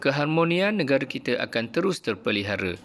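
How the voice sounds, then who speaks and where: A man reading a mother's lines aloud from a textbook passage, gently explaining things to her children. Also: mid-range voice, sing-song, brisk, slight background noise, pitched above the performer's own voice.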